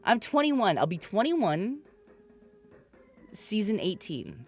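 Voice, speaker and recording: A woman in her thirties hosting a live stream in casual chat. She teases her viewers, laughs often, and breaks into loud mock protests. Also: mid-range voice, sing-song, takes it slowly, faint music behind. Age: 30s. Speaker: streamer host.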